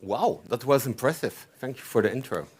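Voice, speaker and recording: A Frenchman with a French accent gives a chatty tech talk from a conference hall stage, often checking in with the audience by asking "okay?". His medium-pitched voice is animated and brisk, a little mellow, with a breathy edge.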